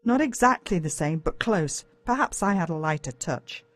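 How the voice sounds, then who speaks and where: This audiobook narrator is an Australian woman reading a scripted children's story in the first person, building drama and suspense. Her pitch is on the low side and her delivery is animated. She keeps a normal pace, and the recording is dry.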